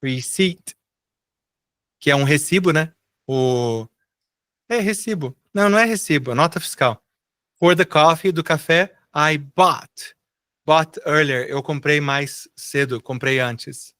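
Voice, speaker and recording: Man, middle-aged, from Brazil, English teacher, bright voice, dry close sound, repeats words patiently. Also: on the high side. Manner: explains patiently, repeats words for students to echo. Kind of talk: live online English class.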